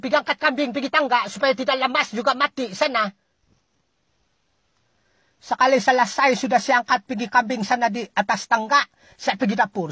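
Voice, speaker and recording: Sabahan comic ranter, husky and exasperated, scolds an unseen listener with jumpy pitch, recorded dry. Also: fairly bright tone, no room sound. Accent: Sabahan Malay. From Sabah, Malaysia. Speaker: comic storyteller. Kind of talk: comic ranting monologue.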